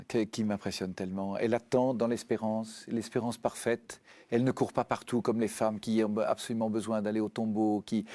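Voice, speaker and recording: A man's voice: fairly low pitch, mellow. A man speaking earnestly as a guest in a spiritual radio discussion, often repeating words as he searches for them.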